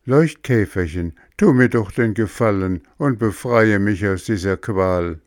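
A man's voice: lowish voice, unhurried, no room sound, studio quality, close to an everyday voice. A man voicing a hungry wooden puppet boy who pleads tearfully, in a storybook reading. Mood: pleading.

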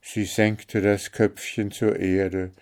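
Male storybook narrator, low and slow, measured reading. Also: little pitch movement, darkish tone. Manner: measured, old-fashioned fairy-tale narration.

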